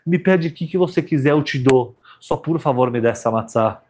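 A man's voice: fairly high pitch, expressive, a little fast, a little mellow, slight background noise, natural voice. A man voicing a weak, desperate male prisoner who pleads and cries out. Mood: pleading. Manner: breathless, pleading, ecstatic cries.

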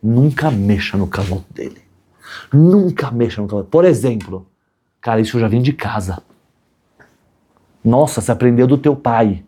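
A man teaching a religious class as an animated storyteller, acting out the voices of people in his story and checking in with his listeners often. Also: medium pitch, moderate pace, long pauses, husky. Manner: animated storyteller, acts out quoted voices, asks "tá bom?" often. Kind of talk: storytelling sermon.

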